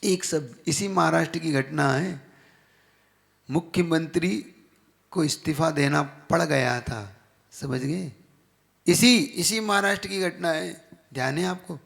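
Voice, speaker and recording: A man's voice: fairly high pitch, slow, creaky, pauses often, fairly bright tone. A man, a monk giving a scripture class, preaching animatedly and quizzing his listeners with rhetorical questions. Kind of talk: sermon.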